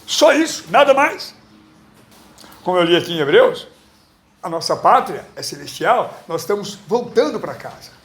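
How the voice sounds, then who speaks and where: A man's voice: on the high side, big pitch swings, moderate pace. Blunt, slangy Brazilian man preaching. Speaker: pastor. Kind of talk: informal preaching in class. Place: school classroom.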